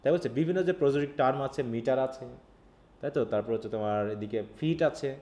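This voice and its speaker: A man's voice: medium pitch, fast talker, warm tone. A man teaching a live online linguistics class. He reads lines from a text, then explains them in a casual teaching style. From Bangladesh. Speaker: English literature teacher.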